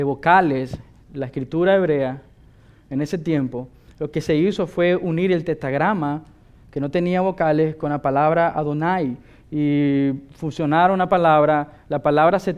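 A man's voice: on the high side, a little mellow, clean tone. A male pastor preaching a sermon with emphatic delivery, often asking his listeners rhetorical questions.

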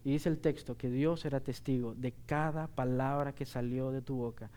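A man's voice: medium pitch, fairly even intonation, moderate pace, dark tone. A middle-aged man preaching a sermon as pastor, earnest and emphatic, asking the congregation rhetorical questions.

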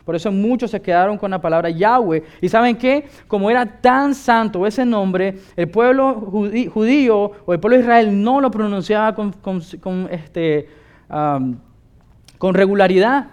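A man's voice: high voice, normal speed, darkish tone, clear, resonant tone. A male pastor preaching a sermon with emphatic delivery, often asking his listeners rhetorical questions.

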